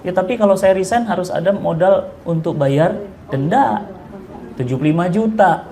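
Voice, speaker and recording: A middle-aged man preaches with a lilt, his voice sitting high for a man. He tells stories to a room of women and acts out each exchange, his pitch jumping up for the other people he quotes. Faint noise hangs under the recording. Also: normal speed. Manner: animated, acts out dialogue with rising pitch. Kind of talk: storytelling religious talk to women.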